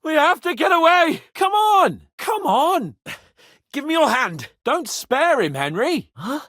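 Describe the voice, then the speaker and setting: This is the same video game role: an arrogant young medieval nobleman, quick to anger yet playful and teasing, with a soft spot for his companion. He is shouting urgently in a heavily acted, sing-song delivery with a sharp tone and wide pitch swings, captured close and dry without echo.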